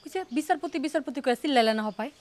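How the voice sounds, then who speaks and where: An actress playing an anxious, insistent young village daughter who fusses and pleads in a rural Bangladeshi accent in a comic TV drama. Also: female voice, high-pitched, rapid-fire, slight background noise, lightly acted. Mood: reproachful.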